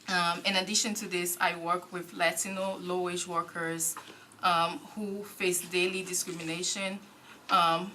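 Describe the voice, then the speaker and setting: A young woman from Haiti answering interview questions as a board nominee, measured and full of small pauses. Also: lowish voice, sharp tone, slight background noise, low-quality recording. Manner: measured, frequent ums. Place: council committee room.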